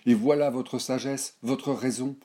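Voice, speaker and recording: A man's voice: medium pitch, steady tone, measured pace, warm tone, pitched above the performer's own voice, close to an everyday voice. A man voicing an indignant, worldly old grandmother of noble birth who lectures her granddaughter in a scornful, declamatory way in a storybook reading.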